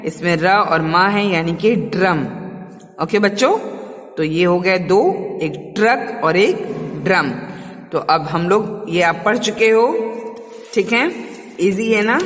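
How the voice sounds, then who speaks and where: Lady teacher coaxing little kids to repeat after her, long echo in the room. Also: medium pitch. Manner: patient, repeats words for kids to echo back. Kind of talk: online class for small children.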